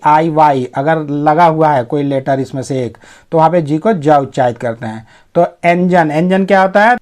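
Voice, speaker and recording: A man teaching English reading as a Hindi-medium teacher, explaining word by word and reading the English lines slowly and carefully. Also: high-pitched, a little mellow.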